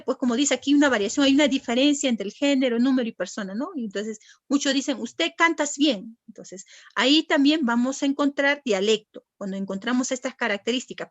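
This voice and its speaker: Woman teacher, high voice, patient lecture style, dull lo-fi sound. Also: no room sound. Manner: patient, asks the class questions and answers them herself. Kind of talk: classroom lecture. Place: classroom.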